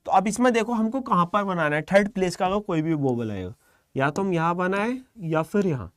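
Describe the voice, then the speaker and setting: A man teaching a live online shorthand class, calm and encouraging, quizzing students by name. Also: high-pitched, a little fast, dry recording, studio quality.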